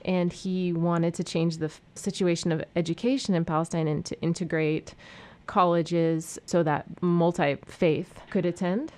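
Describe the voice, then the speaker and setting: An American woman with a slightly low voice hosts a radio interview. She speaks in a friendly way, framing questions and summing things up for the audience. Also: fairly even intonation, measured pace, hardly any pauses, darkish tone. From United States. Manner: friendly, asks questions and sums up. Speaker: radio show host.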